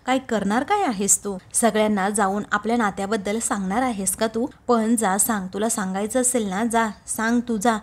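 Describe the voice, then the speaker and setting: A woman's voice: mid-range voice, steady tone, normal speed, hardly any pauses, lightly acted. A woman reading a stern young man's lines. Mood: curt, scolding. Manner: dismissive, commanding quoted lines. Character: stern young man denying a secret affair.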